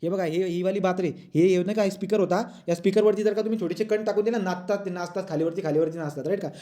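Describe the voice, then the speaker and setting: A man's voice: sits high, fairly even intonation, fast, mellow. A male physics teacher giving a classroom lecture, mixing English textbook phrases into his explanations and often asking pupils if they follow. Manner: asks pupils frequent check questions; mixes English textbook lines into Marathi.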